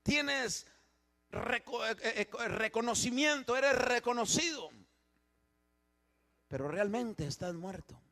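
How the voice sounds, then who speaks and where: Pastor guy preaching hard, really high voice, bright and sharp, goes from hushed to loud, keeps repeating himself. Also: expressive, slow, pauses often. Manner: repeats words and restarts phrases. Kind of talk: sermon. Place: church.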